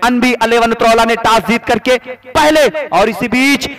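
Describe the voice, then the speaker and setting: A man giving excited live cricket commentary and announcing the score in set phrases. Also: very high-pitched, normal speed. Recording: crowd noise around the commentator.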